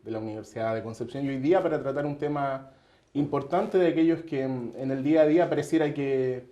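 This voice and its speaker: Guy hosting a tv interview, mellow tone, lots of eh's, echoey studio. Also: mid-range voice, fairly quick, dull audio. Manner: conversational, hesitant with fillers.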